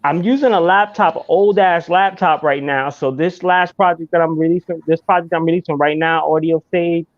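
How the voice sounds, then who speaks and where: A man's voice: a little high, steady tone, normal speed, few pauses, muffled recording. A man hosting a podcast in casual chat, laid-back and swearing freely. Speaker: podcast host.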